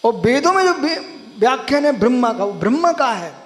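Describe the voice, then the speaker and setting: High-voiced man preaching, emphatic and repetitive. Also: sing-song, fairly quick, a bit bright. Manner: emphatic, repeats phrases, addresses listeners as friend. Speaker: Jain monk preacher. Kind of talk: sermon. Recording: long hall reverb.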